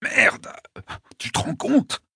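A man voicing a wounded, dying man who curses and gasps in a hoarse voice strained with pain. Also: unhurried, pushed and bright, no room sound, clean studio sound. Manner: cursing, gasping. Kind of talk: audiobook character voice.

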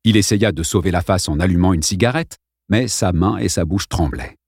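A man reading a novel aloud as an expressive audiobook narrator. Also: deep voice, normal speed, gravelly, husky, no echo, studio quality. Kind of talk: scripted narration.

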